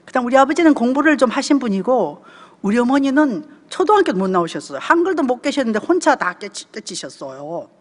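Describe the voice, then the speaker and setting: A woman's voice: a little high, big pitch swings, quick pace. Older Gyeongsang woman speaking in a hall. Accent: Gyeongsang Korean. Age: 70s. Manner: storytelling, often checks in with the audience. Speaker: church deaconess giving a family seminar talk. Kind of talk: conversational sermon talk.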